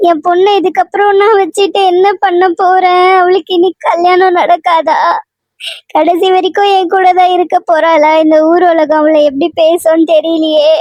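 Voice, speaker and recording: Woman playing a high-pitched, tearful cartoon village mother with a dry close sound. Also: fairly even intonation, normal speed, dry recording. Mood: wailing. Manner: sobbing, repetitive lament. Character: grieving, wailing village mother, middle-aged. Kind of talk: cartoon serial voice acting.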